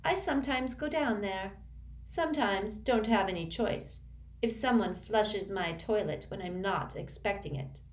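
A woman reading aloud and voicing a sulky, self-pitying teenage girl ghost, whiny and shrill. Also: a little slow, close to an everyday voice. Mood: gloomy. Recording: roomy echo.

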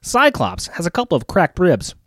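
A man's voice: high-pitched, huge pitch swings, moderate pace, a bit bright, no room sound, clean studio sound. A man co-hosting a show, narrating a scripted comic book recap as playful storytelling. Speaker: podcast co-host.

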